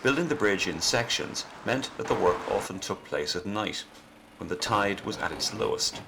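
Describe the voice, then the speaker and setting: Low-voiced documentary narrator, a man. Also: animated, moderate pace. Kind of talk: scripted narration. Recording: clear background noise.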